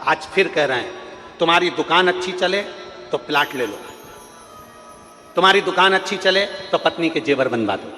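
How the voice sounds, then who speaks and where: A man's voice: fairly high pitch, expressive, normal speed, pauses often, pushed and bright. A man preaching a devotional sermon in an emphatic, repetitive style, with chanted refrains and sung verses. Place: large outdoor religious gathering. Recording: live reverberant hall with music.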